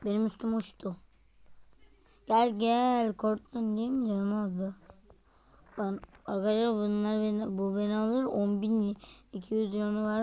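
A woman with a hoarse voice from being ill, hosting a casual gameplay video and chatting to her viewers as she plays. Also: mid-range voice, warm tone, no echo. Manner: chatty, keeps addressing the viewers, mutters and whispers while playing. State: hoarse from illness. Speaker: gaming video host.

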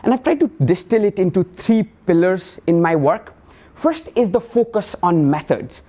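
A man stands at the front of a lecture room and explains his research to an audience. He speaks in a measured way, with plenty of small fillers as he thinks. The sound is picked up across the classroom. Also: high voice, expressive, dark tone. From Nepal. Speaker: professor giving a colloquium talk. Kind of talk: academic lecture.

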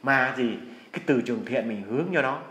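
A man's voice: medium pitch, a little fast, fairly bright tone, roomy sound. A man giving earnest, folksy Buddhist advice in a casual, preachy way. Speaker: healer giving spiritual advice.

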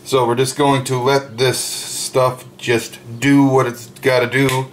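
A man's everyday mid-pitched voice stays fairly level as he walks through his home cooking, unhurried and drawn out, casual and chatty with frequent fillers. A camera mic records him in his home kitchen, windows open, with a faint hum of noise behind.

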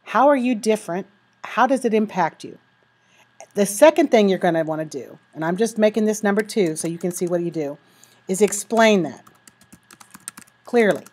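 A woman teacher with the hiccups, talking students through how to write a paragraph and reading sample sentences slowly. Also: medium pitch, expressive, darkish tone. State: has the hiccups. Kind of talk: recorded writing lesson.

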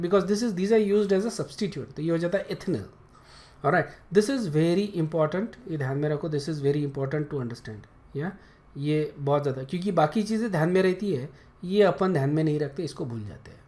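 A man's voice: a little high, a little mellow. A man teaching an organic chemistry lesson, explaining step by step and often checking whether students have understood. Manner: slow, explanatory, checks understanding with repeated tag questions. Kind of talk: classroom lecture mixing Hindi and English.

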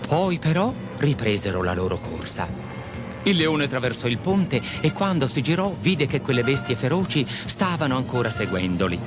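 A man narrating a children's fairy tale, with lively, expressive storytelling. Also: medium pitch, moderate pace. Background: background music.

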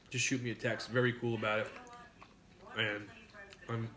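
A man in his thirties chatting casually on a live stream at his kitchen table while eating, crude and joking, reading out viewer names. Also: mid-range voice. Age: 30s. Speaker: mukbang streamer. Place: home kitchen at a dining table.

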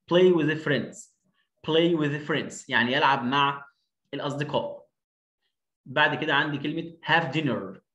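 In an online lesson, a man with an Egyptian Arabic accent teaches English phonics, drilling each word by repeating it again and again with emphatic stress. His mid-range voice is a bit bright, and the recording sounds muffled, with a roomy echo.

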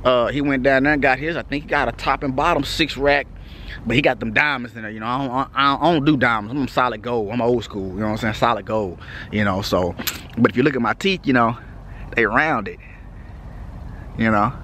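A man's voice: medium pitch, a little fast, pushed and bright, slight background noise. Laid-back Texan man vlogging at night. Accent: Texas. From Texas. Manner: laid-back, loose, repeats "you know what I'm saying". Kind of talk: casual vlog update. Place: outdoors at night.

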